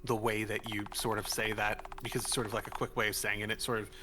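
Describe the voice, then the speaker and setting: A man's voice: fairly low pitch, little pitch movement, fast talker, noisy background. A man in casual chat on a game stream, explaining his thoughts at length. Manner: explanatory, musing on word sounds. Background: game music.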